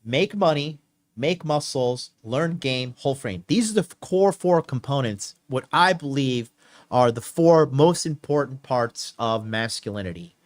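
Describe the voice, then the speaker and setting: Speaking at an unhurried pace with an animated, medium-pitched voice, this thirty-something dating coach runs a casual call-in advice show. He tends to repeat points emphatically and says "okay" a lot.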